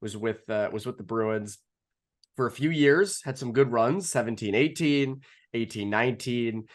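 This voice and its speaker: Wry podcast host with a medium voice. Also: male voice, medium pitch, unhurried. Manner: wry, full of fillers and restarts, dry jokes. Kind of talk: casual sports podcast chat.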